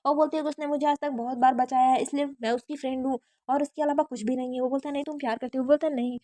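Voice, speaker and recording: A woman's voice: high-pitched, steady tone, racing, a little mellow, no echo. A woman narrating a drama recap in a casual storytelling way, retelling the characters' lines in her own voice with frequent restarts.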